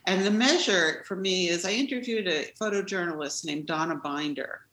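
A woman being interviewed, telling stories in an animated, expressive way. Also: on the low side, normal speed. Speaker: interviewee, former activist. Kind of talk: storytelling in an interview. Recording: roomy echo.

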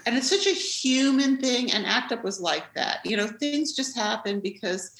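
Woman interviewee, expressive storyteller, recorded in an echoey room. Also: fairly high pitch, moderate pace. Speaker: interviewee, former activist. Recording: roomy echo.

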